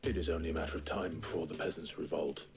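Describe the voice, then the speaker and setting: A man's voice: very deep voice, steady tone, fast talker, vocal fry, slight background noise. An actor in a video game playing a man who poses as a pompous lord, putting on an exaggerated posh voice. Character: pompous posh male lord, put-on disguise.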